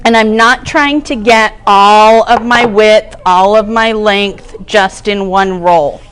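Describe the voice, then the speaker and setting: Female cooking teacher, middle pitch, clean resonant tone, relaxed and talkative. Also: slow, smooth. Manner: chatty, explains each step while working. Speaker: cooking class instructor. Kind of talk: casual cooking demonstration. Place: kitchen classroom.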